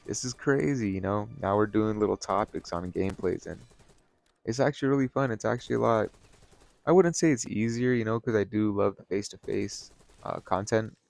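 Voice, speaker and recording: Sitting at home in a chair, a burnt-out family man with kids and a wife talks casually in a rambling vlog, cursing occasionally. His voice is on the low side and a little mellow, with vocal fry, at a normal speed.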